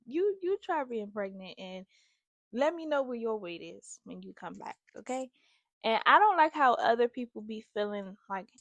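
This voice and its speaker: A young woman speaks candidly in a confessional vlog, earnest and emotional as she addresses her viewers directly. Her voice sits a little high, and the sound is dry and close. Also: dry recording. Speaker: host.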